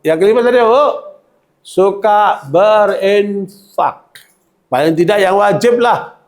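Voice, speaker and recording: A man's voice: sits high, slow. A man giving a religious lecture to women, talking colloquially and often checking in with the audience. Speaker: Islamic preacher.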